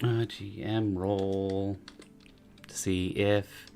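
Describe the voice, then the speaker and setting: A man's voice: low-pitched, flat delivery, very slow, vocal fry, mellow. A man running a tabletop game as game master, narrating casually and off the cuff with joking asides.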